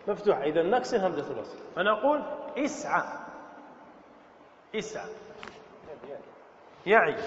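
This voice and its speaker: A man's voice: high voice, a little hiss or hum. A man teaching an Arabic grammar lesson as a sheikh, explaining step by step and quizzing his students with questions. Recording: echoey hall, dull lo-fi sound.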